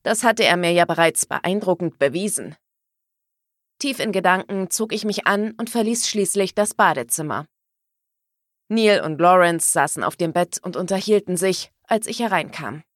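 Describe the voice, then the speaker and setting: A woman's voice: lowish voice, expressive, moderate pace, no room sound, clean studio sound. A woman narrating a first-person audiobook expressively, giving her own lines a feisty edge.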